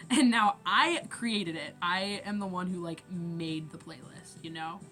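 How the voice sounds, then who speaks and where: A woman's voice: fairly low pitch, slow, soft background music. Rambling teen girl telling a story. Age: teens. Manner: rambling, quotes conversations with shifting loudness. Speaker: vlogger. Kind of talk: casual storytime rant.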